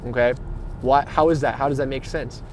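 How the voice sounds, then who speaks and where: A man's voice: medium pitch, steady tone, fairly quick, darkish tone, slight background noise. A man giving a rambling spiritual monologue, slangy and emphatic, repeating himself and swearing freely, with rhetorical questions. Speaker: spiritual vlogger.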